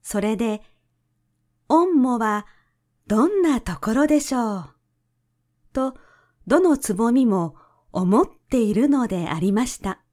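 Woman storyteller reading a children's tale, unhurried and gentle, voice sitting a little high. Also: animated. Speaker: narrator. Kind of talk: storybook narration.

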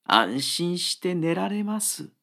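A man plays a worried, earnest woodcutter in a storybook reading. His voice rises higher than the narration and leaps about with alarm. He pleads politely and urgently. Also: sing-song, takes it slowly, gravelly, sharp tone, heavily acted. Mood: pleading. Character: anxious earnest male woodcutter, humble and pleading.

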